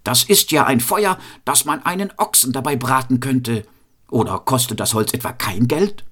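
A man voicing a cantankerous, fault-finding master shoemaker, scolding in a high nagging tone in a fairy tale reading. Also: expressive, moderate pace, fairly bright tone, breathy edge. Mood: indignant.

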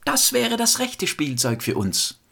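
A man voicing a group of eager peasant children who call out excitedly in a storybook tale. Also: high voice, measured pace, creaky, slightly rough, voice pushed up, full character voice.

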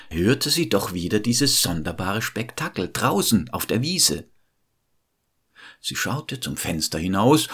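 A male storyteller with a lowish, husky voice tells a fairy tale aloud, speaking warmly and directly to his listeners.

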